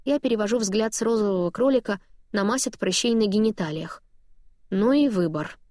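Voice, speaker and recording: A woman narrating a first-person novel with a lively, wry storytelling manner. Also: medium pitch, a little fast, dry recording, clean studio sound. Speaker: audiobook narrator.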